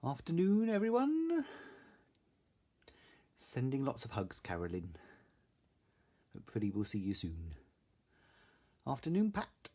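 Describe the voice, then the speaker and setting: Man, very lively, swooping intonation. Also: mid-range voice, unhurried, pauses often, husky. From Salisbury, southern England. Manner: chatty, informal. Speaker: craft live stream host. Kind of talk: casual live stream chat, greeting viewers.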